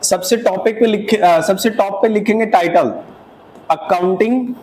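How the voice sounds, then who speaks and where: A man with a high voice teaches accountancy to a class. He keeps asking the students questions and then answers them himself, and he drops English accounting terms into his sentences. A faint hiss of noise sits behind him. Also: measured pace, a little mellow. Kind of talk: classroom lecture.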